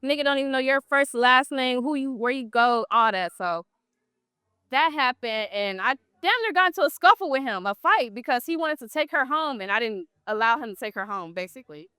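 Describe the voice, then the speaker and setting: Bright, high-voiced woman telling blunt stories. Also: a little fast, clean tone, dry recording, clean studio sound. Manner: blunt, profane, animated storytelling. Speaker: exotic dancer guest. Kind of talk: casual storytelling interview.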